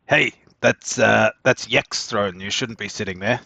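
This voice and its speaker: Wary goblin played by the game master, deep and bright, scolding tone. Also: male voice, a little slow, gravelly, no room sound, full character voice. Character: wary male goblin telling off a stranger. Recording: dull lo-fi dry mic.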